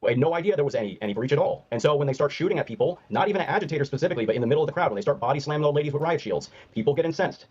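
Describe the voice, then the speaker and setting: A man arguing his side as a guest in a heated live-stream debate, talking fast and pressing his point, heard over muffled low-quality stream audio. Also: animated, darkish tone, slightly rough.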